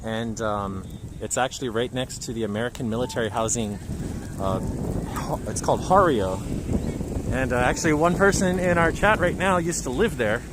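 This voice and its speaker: A man's voice: mid-range voice, moderate pace. A man hosting a casual livestream walking tour through city streets, chatting and reading out viewer comments. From Japan. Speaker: livestream host. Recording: outdoor street recording with traffic noise. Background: traffic and street noise.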